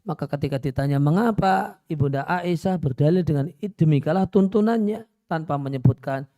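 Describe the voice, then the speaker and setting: Mellow-voiced male preacher giving a lecture. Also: fairly high pitch, moderate pace, no room sound, lo-fi sound. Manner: conversational, repeats phrases, frequent "ya" fillers; mixes in Arabic phrases. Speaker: Islamic preacher. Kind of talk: religious study lecture.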